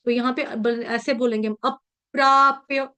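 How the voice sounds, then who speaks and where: A woman with a high voice leads an online class over a video call and teaches how to pronounce a verse. She is patient and breaks words into syllables, saying each one several times. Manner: patient, repeats syllables slowly to drill pronunciation. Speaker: Sanskrit verse recitation teacher.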